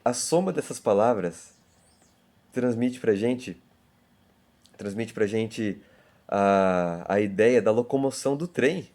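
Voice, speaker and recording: Brazilian guy teacher, kinda low voice, rambling lesson, restarts words a lot. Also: takes it slowly, long pauses, darkish tone. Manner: chatty, repeats words and restarts, reads poems aloud rhythmically. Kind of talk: lesson to middle-school students.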